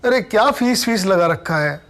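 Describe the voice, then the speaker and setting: A man's voice: sits high, animated, moderate pace, a bit bright, a little hiss or hum. A man acting an unemployed caller in a comedy sketch, indignant and bluffing his way through. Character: bluffing jobless middle-class man, touchy. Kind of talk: comedy sketch phone call.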